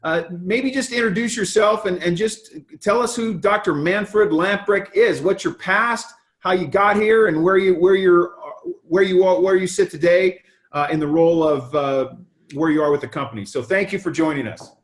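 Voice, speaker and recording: A man's voice: high-pitched, moderate pace. A man hosting a video call interview, giving a rambling, enthusiastic introduction. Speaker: host.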